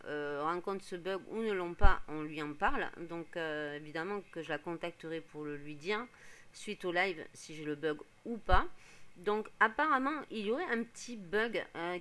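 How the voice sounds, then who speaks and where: A hoarse woman streaming a life-sim game, explaining each step casually with lots of fillers. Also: on the low side, a bit bright. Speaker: gaming streamer. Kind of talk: casual gameplay commentary.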